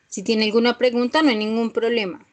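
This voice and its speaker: Woman teacher, higher-pitched, patient, explains step by step and checks in often. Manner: patient, repeats points with frequent "¿sí?" checks. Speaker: English teacher. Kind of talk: online class explanation.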